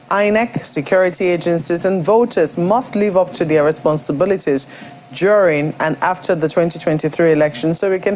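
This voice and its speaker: A news co-host with a Nigerian accent reading viewer comments aloud in a brisk, formal newsreader style. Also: mid-range voice, a little hiss or hum.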